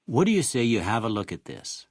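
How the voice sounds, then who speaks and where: An older male actor voicing a kindly, wry small-town doctor in a video game, with a folksy American rural Western drawl and a raspy voice. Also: mid-range voice, very animated, no room sound, clean studio sound. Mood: calm, measured. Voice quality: raspy, gravelly. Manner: folksy, unhurried, plainspoken. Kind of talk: video game character dialogue.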